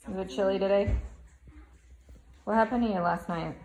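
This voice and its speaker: A woman, a mother and family vlogger, chatting casually at home into a handheld camera and coaxing with gentle questions and quick laughs. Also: mid-range voice, fairly even intonation, a little hiss or hum, poor audio. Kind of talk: casual family vlog chat.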